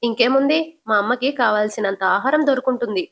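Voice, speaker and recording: A woman voicing a sarcastic, quick-witted young husband in a retold TV serial, with mocking, teasing jabs. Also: fairly high pitch.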